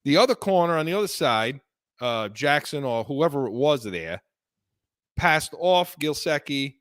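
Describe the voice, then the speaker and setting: Animated man breaking down football plays. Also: fairly high pitch, measured pace, no room sound, studio quality. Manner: animated, breaks off and restarts mid-sentence. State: voice worn from illness. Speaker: podcast co-host. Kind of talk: heated sports talk.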